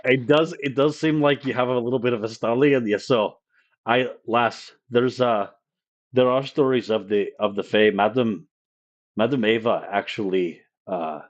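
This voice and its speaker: A man voicing a gruff male camp storyteller with a put-on Scottish accent and a folksy, teasing way of talking. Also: mid-range voice, normal speed, dull audio, close to an everyday voice. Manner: folksy, rough-spoken, teasing.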